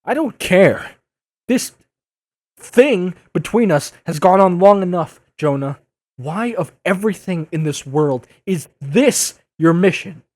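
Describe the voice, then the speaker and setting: An earnest young masked superhero played by a man in an audio drama. His pitch swings widely as he speaks, impassioned and exasperated, with a wisecracking edge. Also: expressive, slow pace, darkish tone, heavily acted. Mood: weary, pleading.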